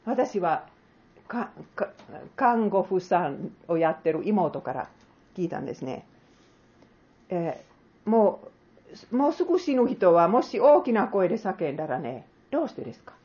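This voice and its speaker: A woman's voice: lowish voice, sing-song, measured pace, warm tone, dull audio. A woman preacher giving an earnest sermon that she closes with a prayer, putting questions to her listeners.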